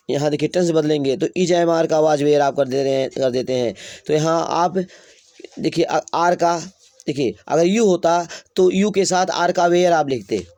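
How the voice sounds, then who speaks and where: A male teacher giving a grammar lesson in Hindi, dictating example sentences slowly. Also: on the high side, a little mellow, no echo. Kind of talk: classroom lesson.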